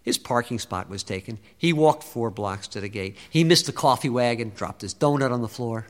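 A man's voice: mid-range voice, normal speed. A man reciting a rhyming spoken-word story with a driving, rhythmic delivery. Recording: long reverb.

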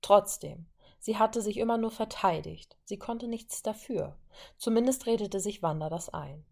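A woman narrating a fan fiction audiobook in a steady reading voice. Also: mid-range voice, a little slow, creaky.

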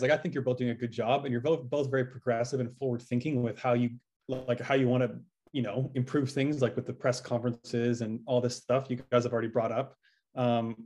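A man's voice: medium pitch, a little mellow. A man co-hosting a podcast in casual chat, rambling with lots of fillers and casual swearing. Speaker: podcast co-host.

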